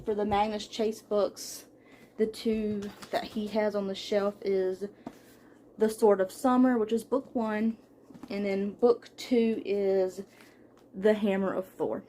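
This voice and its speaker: A young woman talks through her shelves in a relaxed, chatty way, reading off book titles one after another with the odd filler and soft laugh. Her voice sits at an ordinary middle pitch for a woman, recorded in a room at home. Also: slow pace, slight background noise. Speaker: book vlogger. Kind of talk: casual book haul chat.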